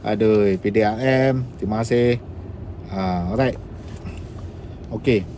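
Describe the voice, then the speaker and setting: A man's voice: on the low side, slow, dark tone, slight background noise. A man with a Kedah Malay accent telling rambling stories on a live stream while driving. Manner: chatty, rambling, slips into dialect. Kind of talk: casual live storytelling. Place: inside a car while driving. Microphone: phone live stream.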